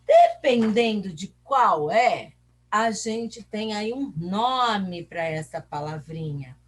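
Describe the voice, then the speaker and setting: A woman's voice: mid-range voice, animated, slow pace. A Brazilian woman teacher explaining a lesson, asking her own questions and answering them while stretching out syllables. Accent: Brazilian Portuguese. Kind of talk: recorded class lesson.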